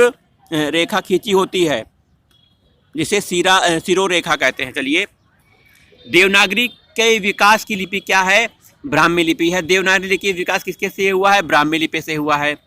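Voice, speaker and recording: A man's voice: sits high, sharp tone. A man teaching an exam-prep lesson in a question-and-answer style, repeating answers and correcting himself mid-word.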